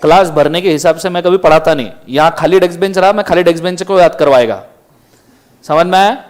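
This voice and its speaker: Man, high-pitched, stern classroom lecturer, quizzing students. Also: fast. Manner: strict, scolding students, firing questions at the class. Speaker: law lecturer.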